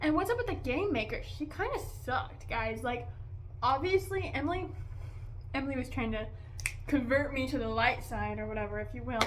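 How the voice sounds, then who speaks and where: A woman's voice: high voice, expressive, moderate pace, a bit bright, slight background noise. A young woman vlogger giving a casual, exasperated movie review, chatty and full of "like" and "okay?".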